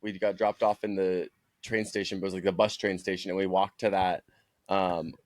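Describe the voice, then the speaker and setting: Male coach guest from New Jersey, lowish voice, casual and animated, dry studio sound. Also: brisk, no room sound. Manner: animated storyteller, acts out quotes, says "like" a lot. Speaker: guest, distance running coach. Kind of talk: casual chat.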